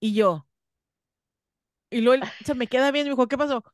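A woman's voice: fairly high pitch, brisk, no echo, studio quality. A woman, a guest in an interview, earnestly telling a personal story and acting out her own past words. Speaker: interview guest, spiritual course teacher.

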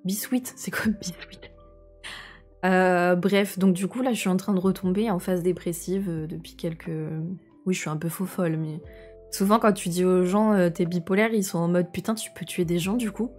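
A woman's voice: fairly low pitch, steady tone, fairly quick, a little mellow, soft background music. A young woman streamer chatting casually and rambling with her viewers, answering chat messages as she goes.

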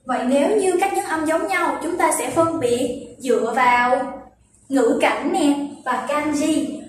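A young woman teaching Japanese vocabulary, patiently explaining and slowly repeating words to show their pitch accent. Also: a little hiss or hum. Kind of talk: vocabulary lesson. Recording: very echoey room, distant from the mic.

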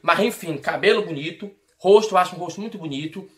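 A woman's voice: fairly low pitch, fast, fairly bright tone. Blunt Brazilian woman ranting for laughs. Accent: Brazilian Portuguese. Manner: blunt, exaggerated and teasing, with mock outrage. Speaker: vlogger. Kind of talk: comic opinion rant to camera.

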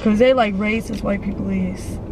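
A woman's voice: medium pitch, fairly even intonation, moderate pace. A 20-year-old woman from Wisconsin, a guest chatting bluntly and offhand in a parked car. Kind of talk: casual chat. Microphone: camera on dashboard. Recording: noisy car interior.

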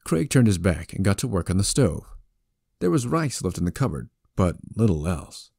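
A male narrator tells a story with a wry, conversational delivery. His voice is deep and mellow, and it is recorded close and dry. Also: big pitch swings, moderate pace, gravelly, husky, no room sound. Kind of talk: scripted audiobook narration.

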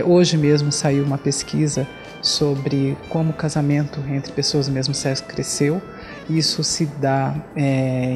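A woman's voice: low-pitched, mellow. A woman in her forties, a lawyer on a diversity commission, giving an earnest, fluent on-camera interview in an indoor room into a handheld mic.

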